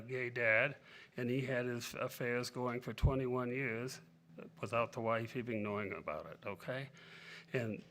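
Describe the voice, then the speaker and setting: An older man giving public comment at a city council meeting, earnest and rambling. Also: medium pitch.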